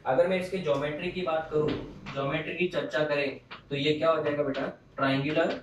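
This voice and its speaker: Male teacher, fairly high voice, quizzing his class and answering for them; roomy, distant mic. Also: a little hiss or hum. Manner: explains step by step, quizzes the students and answers for them. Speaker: chemistry teacher. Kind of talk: classroom lecture.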